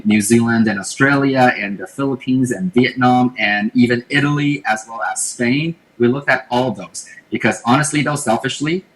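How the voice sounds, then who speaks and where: A Taiwanese man, a guest on a podcast, talks through his plans in a relaxed, reflective way, often repeating words while he thinks. His voice sits on the low side, and the recording is rough. It's casual interview conversation.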